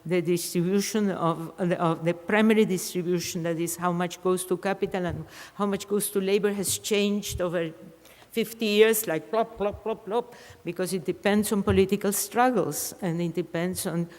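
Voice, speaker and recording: An older woman gives an academic lecture answer. Her voice sits a little low, and she thinks aloud, restarting and repeating words as she goes. The sound carries the long reverb of a lecture hall. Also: fairly even intonation, normal speed, darkish tone. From Argentina.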